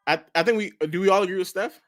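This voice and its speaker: A man on a casual group voice chat, excitable and jumpy, repeating himself as he talks. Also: high voice, fast, no echo, faint music behind.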